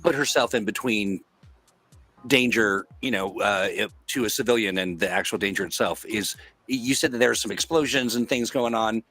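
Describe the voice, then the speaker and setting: Bright-voiced, lowish man playing a game. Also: moderate pace, soft background music, rough recording. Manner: hesitant, thinking aloud. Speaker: game player. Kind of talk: casual tabletop game play.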